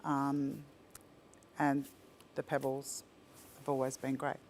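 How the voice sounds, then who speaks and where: Aussie business owner lady, chatty and excited, talks in loose restarts. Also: very deep voice, slow pace, a little hiss or hum. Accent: Australian. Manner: enthusiastic, chatty, with frequent restarts. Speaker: ceramics company founder. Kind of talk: casual interview chat. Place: virtual talk, faint room ambience.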